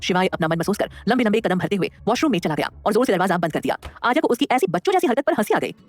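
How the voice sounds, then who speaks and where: A woman narrating a dramatic audio story in a lively way, voicing the characters. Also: medium pitch, very fast.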